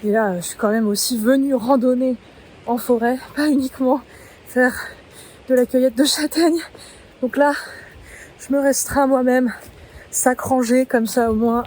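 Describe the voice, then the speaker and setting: Hiking through a forest outdoors, a travel vlogger from the Yvelines region of France chats casually and thinks aloud, full of fillers. She speaks on the high side in a steady, darkish tone at a moderate pace, leaving long pauses.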